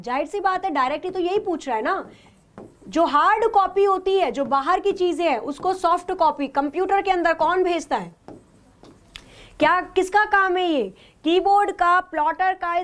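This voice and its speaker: High-voiced woman teacher quizzing her class. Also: a bit bright. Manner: asks students questions then answers them herself; mixes English terms into her talk. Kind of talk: live online class, question and answer.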